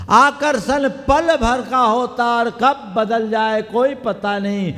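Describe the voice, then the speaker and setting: A man, a Jain monk, preaching a sermon in a measured, emphatic way, quoting scripture. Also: high-pitched. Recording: long hall reverb.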